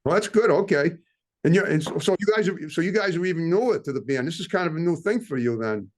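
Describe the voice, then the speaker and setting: Brief: fast, slightly high-voiced male host, chatty interviewer. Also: lively intonation, a little mellow. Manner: quick, chatty questions with restarts. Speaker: talk show host. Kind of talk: casual interview.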